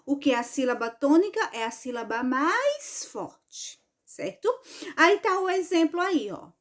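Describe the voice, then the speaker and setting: A woman teaching an online grammar lesson for children, speaking in a drawn-out, sing-song way and often checking with "right?". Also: sits high, big pitch swings.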